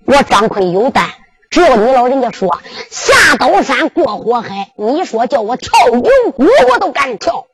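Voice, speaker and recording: Humble young warrior with a Henan accent, voiced by a storyteller, deferential and pleading, high and lively. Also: unhurried, slight background noise, heavily acted. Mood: earnest. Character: young warrior, humble and blood-soaked, earnest.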